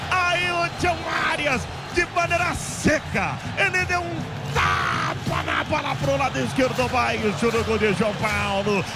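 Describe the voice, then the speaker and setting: A man's voice: extremely high pitch, huge pitch swings, vocal fry, a loud crowd. A Brazilian man doing explosive football goal commentary as play-by-play announcer, stretching out words and repeating catchphrases. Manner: shouting, drawn-out goal calls and repeated catchphrases. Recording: loud music behind the voice. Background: loud music.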